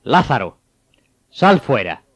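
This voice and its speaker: A man playing Jesus, a calm, authoritative teacher who speaks in a solemn, measured way. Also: medium pitch, no echo, close to an everyday voice. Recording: dull, dry studio sound.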